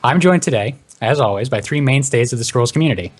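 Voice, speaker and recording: Fast-talking podcast host guy, upbeat, keeps the show moving. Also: medium pitch, animated, breathy edge. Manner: brisk, upbeat introductions. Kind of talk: hosted panel discussion.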